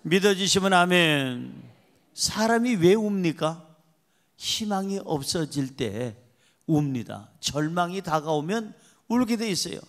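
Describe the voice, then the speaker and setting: A man's voice: sits high, lively intonation, takes it slowly. A man preaching a sermon as pastor, emphatic and repetitive, calling on the congregation to respond.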